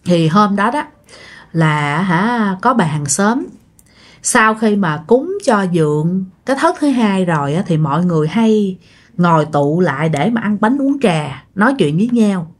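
A woman's voice: mid-range voice, expressive, unhurried. A woman with a Southern Vietnamese accent telling a ghost story casually, talking straight to her listeners with plenty of fillers. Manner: chatty, addresses listeners, many fillers.

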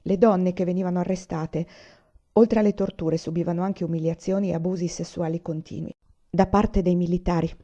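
Woman, audiobook-style novel reading, calm measured pacing, very dark warm voice, muffled recording. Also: lowish voice. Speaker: reader of novels. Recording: dull lo-fi recording.

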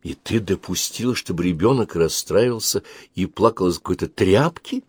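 A man's voice: low-pitched, moderate pace, slightly rough, dry recording. A man reading aloud and voicing a doting, hot-tempered father who insists and raises his voice.

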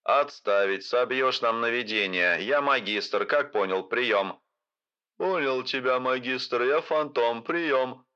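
A man's voice: medium pitch, slow, bright, forceful tone, clear, resonant tone. A man reading out military officers' radio exchanges, speaking in clipped, formal call procedure as if over a field radio. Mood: terse. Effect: radio transmission sound. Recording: dull lo-fi radio sound.

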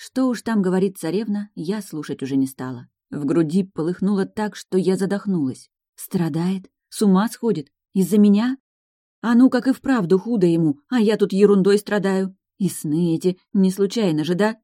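A woman narrating a first-person fantasy audiobook in a lively, expressive way. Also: mid-range voice, normal speed, no room sound, studio quality.

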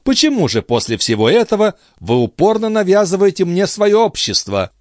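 A proud young noblewoman with a cold, cutting tone, her voice pitched high and swinging sharply, as a male narrator puts her on. She sounds scornful and mocking in this audiobook reading. The sound is close and dry. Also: sing-song, normal speed, no room sound. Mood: haughty.

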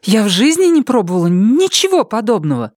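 A timid young girl from an audiobook, voiced by a male reader. Her voice sits high and swoops widely. The sound is dry and close. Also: wildly swooping pitch, a little fast, no echo, full character voice. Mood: amazed. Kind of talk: audiobook character voice.

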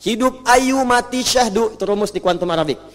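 A high-voiced man leads a Quran recitation lesson from a stage. He talks with animated energy, stretches the verses into a slow chant and calls on the class to repeat them. His voice rings with the long reverb of a large hall. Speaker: religious teacher.

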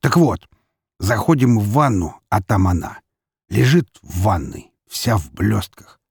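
A man voicing a brash, crude, teasing male police investigator, loud and boisterous. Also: fairly low pitch, big pitch swings, measured pace, gravelly, slightly rough, no room sound, studio quality, pitched above the performer's own voice, exaggerated voice.

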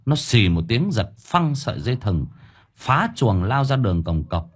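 A man's voice: fairly low pitch, sing-song, measured pace, breathy edge. A man narrating a ghost story as an audiobook, vivid and dramatic.

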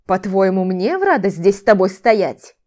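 A domineering ex-husband speaks in a calm, flat, mocking voice, as a woman narrator puts him on. The tone is mellow and dark. It is an audiobook romance scene. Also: medium pitch, normal speed, lightly acted.

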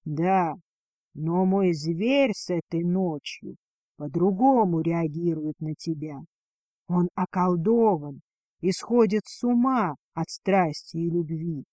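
Listed: woman doing male dragon husband, low husky voice, breathy, slow, storybook reading. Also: dark tone, no echo. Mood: tender.

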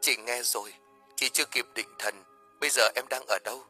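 Male narrator doing a hurried, hushed woman caller, rushing her words. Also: medium pitch, faint music behind. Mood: worried. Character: young woman on the phone, worried and hurried.

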